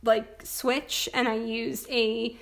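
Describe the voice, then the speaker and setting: A young woman in casual chat about her planner, hoarse from losing her voice, talking in a chatty way with lots of filler words. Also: a little high, level tone, slow, a bit bright. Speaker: planner vlogger.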